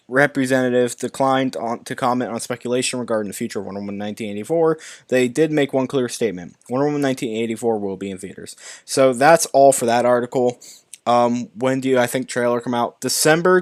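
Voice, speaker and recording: This fast-talking YouTube movie news host reads articles aloud on a live stream and adds his own commentary, tripping over words and starting them again. His voice sits in the mid range. The audio is clean studio quality without any room sound.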